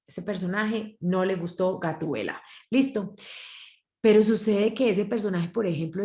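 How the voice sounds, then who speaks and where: A woman with a Colombian Spanish accent gives a talk to parents and acts out the voices she quotes in a lively way. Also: mid-range voice, reverberant. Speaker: parenting workshop speaker.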